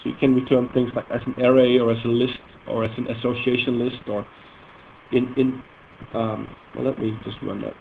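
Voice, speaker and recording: During a live technical demo talk, a software presenter from the Netherlands demonstrates database queries in Dutch-accented speech. His mid-range voice is flat with vocal fry, and he explains haltingly, leaning on fillers and correcting himself. The recording sounds tinny and lo-fi, like a phone, with faint noise.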